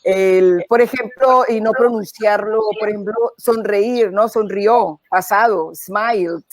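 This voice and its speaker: A woman's voice: mid-range voice, steady tone, measured pace, no echo. A woman, a guest in an interview, explaining and laughing as she recounts stories. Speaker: guest, coach and former English teacher. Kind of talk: casual interview chat.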